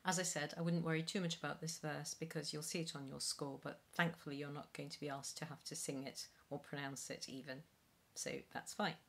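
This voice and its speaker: A middle-aged woman, a singing teacher, slowly explaining pronunciation while reading from sheets in a small room at home. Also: low-pitched, level tone, gravelly, a bit bright. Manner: slow careful enunciation with spoken explanations. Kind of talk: pronunciation lesson read from sheets.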